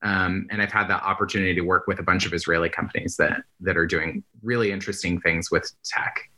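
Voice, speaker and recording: Bright-toned chatty man. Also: deep voice, fairly quick. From San Francisco Bay Area, US. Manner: relaxed and chatty, heavy use of "like". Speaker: guest, UX researcher. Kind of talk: casual interview chat.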